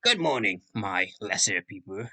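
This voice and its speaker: A man's voice: fairly low pitch, sing-song, moderate pace, pushed and bright, slightly rough, no echo, full character voice. A man voicing a smug, showy young man who talks in a haughty, grandstanding way.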